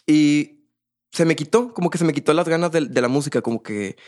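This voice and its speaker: A man's voice: on the high side, brisk, a little mellow. A young man, a percussionist guest, telling his story in a casual, rambling way with many fillers and restarts.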